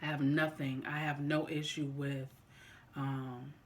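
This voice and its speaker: A vlogger talking casually and deliberately to viewers, often repeating and rephrasing in a halting way. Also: medium pitch, flat delivery, slight background noise. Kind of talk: casual opinion talk to viewers during a mukbang.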